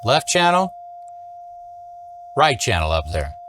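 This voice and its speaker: A little hiss or hum sits under this electronics repair host's slow, mid-range voice, which is fairly bright and swings widely in pitch. He troubleshoots hands-on in a casual, emphatic way, with rhetorical questions and regular check-ins.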